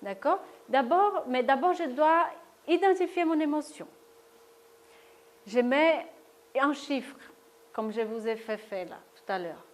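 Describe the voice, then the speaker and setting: High-pitched and expressive, this woman speaks slowly and pauses often. She leads a workshop on stress for a lecture-room audience, demonstrating tapping in sequential steps and frequently asking "d'accord?".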